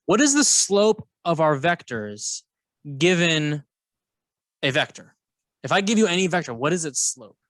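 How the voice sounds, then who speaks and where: A man's voice: on the high side, very animated, unhurried, fairly bright tone, no echo. Guy teaching a math class w a coworker, jokey and upbeat, pretty dry sound. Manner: playful, jokey, asks guiding questions. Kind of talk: co-teaching a lesson, casual banter.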